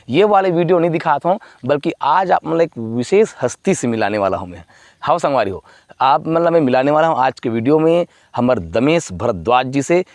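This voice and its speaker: A man's voice: fairly high pitch, dry recording, clean studio sound. A man with a Chhattisgarhi accent hosting a vlog, chatting casually and addressing his viewers again and again. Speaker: vlogger host.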